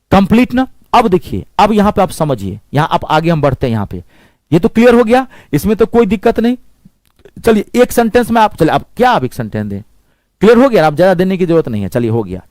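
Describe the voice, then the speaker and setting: A man teaching an English grammar lesson, repeating example sentences slowly and spelling out words letter by letter. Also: a little high, dry recording, poor audio. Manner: lively, drills words slowly with repetition and spelling. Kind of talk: classroom-style grammar lesson.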